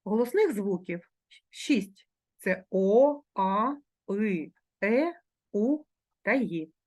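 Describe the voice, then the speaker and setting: A woman teacher with a Ukrainian accent giving a remote grammar lesson to schoolchildren, pronouncing sounds and example words slowly and carefully. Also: medium pitch, lively intonation, darkish tone.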